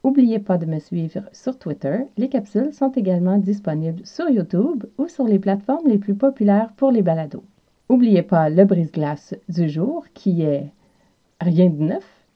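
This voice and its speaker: A woman's voice: medium pitch, expressive, normal speed, muffled recording. A woman from Quebec with a Quebec French accent, hosting a scripted language lesson in a didactic, carefully enunciated way. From Quebec, South Shore of Montreal. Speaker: podcast host and French teacher. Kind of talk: scripted language lesson with repeated practice phrases.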